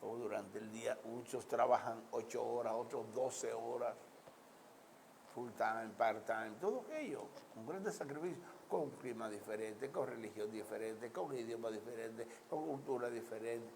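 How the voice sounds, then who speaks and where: A man's voice: medium pitch, moderate pace, gravelly, a little mellow, slight background noise. A man with a Dominican Caribbean Spanish accent giving social commentary in an emphatic, oratorical way, building repeated lists and asking rhetorical questions. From Dominican Republic. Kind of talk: political and social commentary addressed to the audience.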